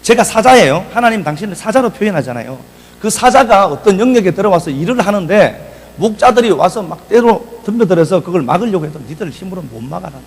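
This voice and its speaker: Gravelly pastor giving a chatty sermon. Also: male voice, high voice, big pitch swings, fairly quick, poor audio. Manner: conversational preaching, reads scripture and breaks into casual asides. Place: church.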